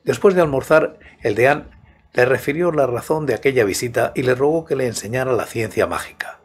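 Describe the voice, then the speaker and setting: A man in his sixties narrating a scripted story in a measured, soft-spoken way, close to a studio microphone. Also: mid-range voice, slightly rough. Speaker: host and narrator of horror audiobook channel. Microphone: large studio microphone close to the mouth, headphones.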